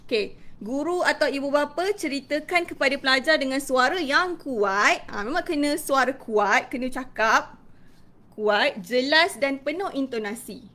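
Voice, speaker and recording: A woman's voice: high voice, moderate pace, sharp tone. A woman teacher with a Malaysian accent, giving a casual live-stream lesson, chatty and peppering her talk with little interjections as she greets viewers.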